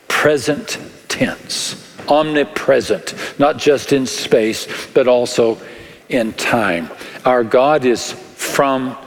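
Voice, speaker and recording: A male pastor with a West Texas accent delivers a sermon in a big, echoing hall. He takes his time, speaking very slowly in short, deliberate phrases and leaving dramatic pauses between them. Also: mid-range voice. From West Texas, United States. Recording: long echoing reverb of a large hall.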